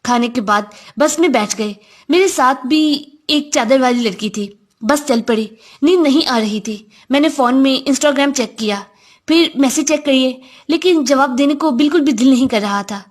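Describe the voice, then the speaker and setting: A woman reading a first-person story aloud in a reflective, confiding manner. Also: high-pitched.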